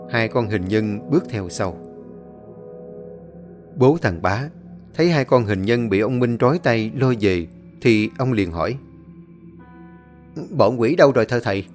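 A man reading a ghost story aloud in a steady, measured way. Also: fairly low pitch. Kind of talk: scripted ghost story narration.

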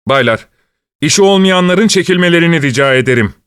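A man voicing a stout, excitable investigator of about sixty who talks in a high, agitated rush. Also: measured pace, no room sound, studio quality. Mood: commanding.

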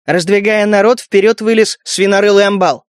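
High-voiced male audiobook narrator. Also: moderate pace, no echo, clean studio sound. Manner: steady storytelling. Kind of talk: scripted narration.

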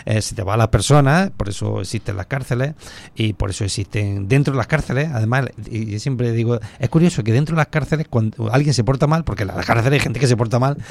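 Gravelly Spanish-accented man, hesitant. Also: medium pitch, quick pace. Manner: hesitant, many filler restarts. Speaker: guest. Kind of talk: casual radio conversation.

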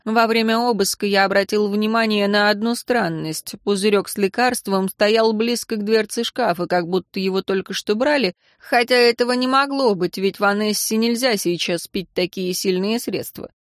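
A woman's voice: mid-range voice, normal speed, hardly any pauses, dry recording, clean studio sound, lightly acted. Woman reading a methodical male investigator. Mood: explaining. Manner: calm, reasoning, explanatory.

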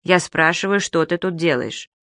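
A woman's voice: fairly low pitch, normal speed, a bit bright, dry recording, clean studio sound, close to an everyday voice. A woman voicing a stern, threatening young male swim coach in an audiobook.

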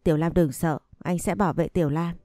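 A woman voicing a gentle, simple-minded young man who talks like a child. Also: fairly low pitch, fairly even intonation, fairly quick, no room sound, clean studio sound, natural voice. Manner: naive, childlike speech.

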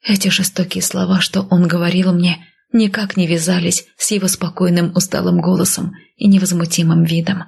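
Woman whispering a story, breathy and gravelly. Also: fairly low pitch, level tone, moderate pace, hardly any pauses. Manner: soft breathy whisper throughout. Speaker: narrator. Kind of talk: whispered role-play.

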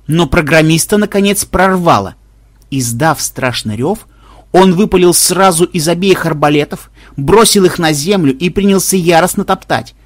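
An audiobook narrator reading expressively and with much lively variety. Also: medium pitch, dry recording, clean studio sound.

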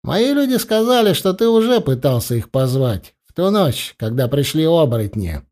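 A man playing a cunning, menacing young ruler who talks with mocking gentleness. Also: on the high side, very animated, normal speed. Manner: coaxing, mockingly gentle, threatening.

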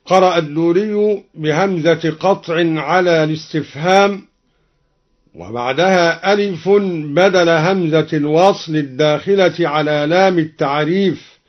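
A man from Egypt explaining variant Quranic readings in a measured way, intoning each verse as an example. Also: a little high. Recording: dull old radio recording.

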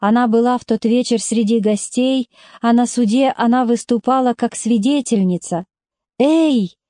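Woman reading a story, mellow voice. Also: on the high side, fairly even intonation, moderate pace, dry recording, studio quality. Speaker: reader. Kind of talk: audiobook narration.

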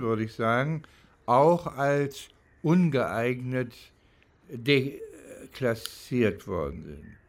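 His voice a little high and fairly bright in tone, an older man who was a professor in East Germany recalls his life for an interviewer. He pauses and falters, reflecting as he searches for the right words.

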